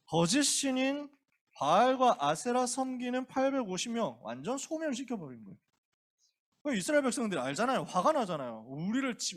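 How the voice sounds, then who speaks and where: A male pastor retells a scripture story to a youth congregation in loose, everyday speech. He acts out each character as he goes. His voice runs high and swings widely in pitch. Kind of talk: youth sermon, casual storytelling.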